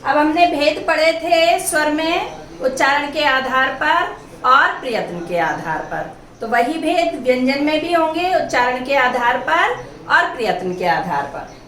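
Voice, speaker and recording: A woman with a high, animated, slightly bright voice teaches a Hindi grammar lesson on consonants, speaking a little slowly and patiently spelling out each letter one by one. The mic sits at a distance in an echoey room, with faint hiss.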